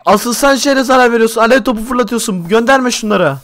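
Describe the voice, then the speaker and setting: A young man hosting a Minecraft role-play, talking to viewers and often shouting excitedly. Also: very high voice, brisk. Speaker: YouTuber host.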